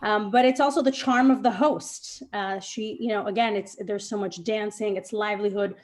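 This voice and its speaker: A young woman, the chef's daughter, joins a video call as a guest and speaks casually, earnest and heartfelt, with lots of filler words. Her medium-pitched voice stays fairly even, at a moderate pace.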